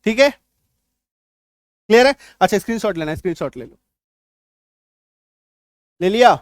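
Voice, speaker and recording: A man walks his students through spelling rules in a high-pitched voice. He repeats each point and keeps checking that the class follows. The recording is dry and close, with no room sound. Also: expressive, measured pace, dry recording. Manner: repetitive, checks understanding with questions. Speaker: English teacher. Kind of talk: spoken-English lesson.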